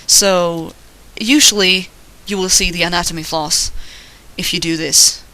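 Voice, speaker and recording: The voice is squeaky and thin, with a bright, forward edge. It belongs to an artist talking through a drawing as they work. The delivery is informal and rambling, self-deprecating and loosely sweary. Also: steady tone, unhurried, low-quality recording. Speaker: artist narrating drawing process. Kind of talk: casual drawing tutorial commentary.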